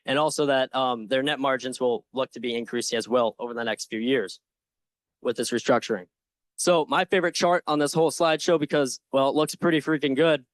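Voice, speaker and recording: A young man confidently and earnestly giving a prepared investment pitch with slides, with some informal asides. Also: a little fast, no room sound. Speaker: presenter in a stock pitch competition.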